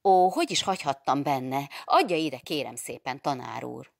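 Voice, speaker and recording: Egy nő olvassa fel egy ravasz, okos huszonkét éves zárdai diáklány szavait, aki zavartan könyörög. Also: female voice, rumbling low, lively intonation, gravelly, no echo, studio quality, exaggerated voice. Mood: pleading. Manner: pleading, flustered yet clever. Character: composed 22-year-old schoolgirl, clever and sly.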